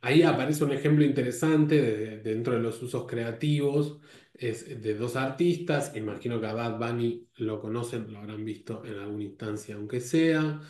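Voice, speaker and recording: Speaking at a normal pace in a mid-range, slightly mellow voice, a man lectures live to a course. He keeps stumbling, restarting phrases, and checking in with listeners through tag questions, and the room gives his voice an echo.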